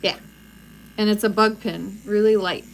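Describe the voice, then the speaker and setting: Woman host, tattoo artist, blunt and opinionated, mid-pitch, chatting live with a faint hum and a buzzing machine behind. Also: steady tone, measured pace, creaky, rough recording. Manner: frank, opinionated, laughs easily. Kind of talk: casual livestream chat while tattooing.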